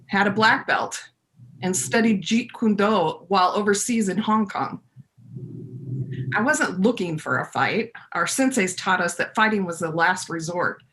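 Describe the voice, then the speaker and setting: In a readers theater monologue, a woman plays a folksy storyteller in her fifties, conversational and confiding, with dramatic pauses. Her mid-range voice is fairly bright, and the audio is poor.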